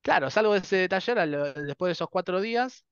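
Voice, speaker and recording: A man's voice: sits high, expressive, fairly quick, clear, resonant tone, no echo, dull audio. A man in his thirties with a Rioplatense Spanish accent, telling his story as a guest in a casual interview, acting out dialogues and laughing often. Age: 30s.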